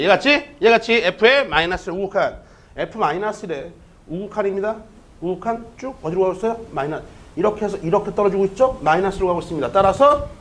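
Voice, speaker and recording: A man teaching an online math lecture, talking students through a problem step by step and checking in with them often. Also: sits high. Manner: lively, keeps checking in with the listener.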